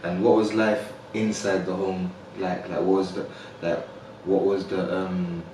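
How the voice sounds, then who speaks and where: A man's voice: deep voice, little pitch movement, measured pace, warm tone, heavy reverb, far from the mic, a little hiss or hum, poor audio. A man hosting a podcast in a casual interview, easygoing, with frequent fillers like "like" and "yeah.". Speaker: podcast host.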